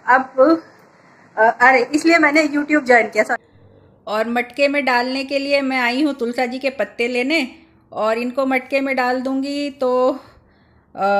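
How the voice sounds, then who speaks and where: A woman's voice: sits high, a bit bright. A woman in her thirties vlogging about her housework in a casual, chatty way, explaining each chore step by step. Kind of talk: casual home vlog narration.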